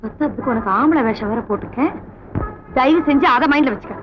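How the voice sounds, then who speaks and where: A stern police officer. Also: female voice, high-pitched, animated, quick pace, noisy background. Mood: firm. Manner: firm, scolding, commanding. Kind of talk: 1990s film dialogue. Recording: dull old film soundtrack.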